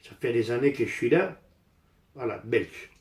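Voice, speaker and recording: An expressive, mid-range male voice at normal speed belongs to an older Italian DIY vlogger speaking French with an Italian accent. Casual and blunt, he rambles as he works on repairs and repeats phrases for emphasis; the sound carries a roomy echo.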